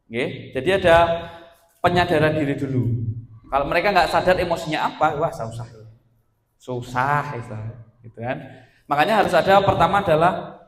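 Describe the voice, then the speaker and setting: A man with a Javanese accent presenting a workshop to fellow teachers, lively and joking. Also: on the high side, normal speed, pauses often. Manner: lively, jokey, mixes in local Javanese phrases. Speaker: teacher presenting a training session. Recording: echoey hall with long reverb.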